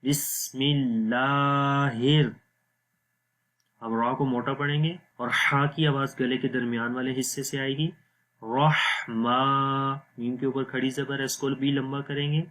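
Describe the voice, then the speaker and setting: A man teaching Quran recitation, explaining each letter and then reciting slowly and drawn out. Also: medium pitch, little pitch movement, fairly bright tone. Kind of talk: slow recitation lesson.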